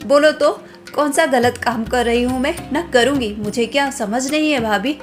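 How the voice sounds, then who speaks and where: A woman's voice: high-pitched, moderate pace, faint music behind, natural voice. A woman voicing a rebellious young bride-to-be who speaks indignantly and outspokenly. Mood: defiant.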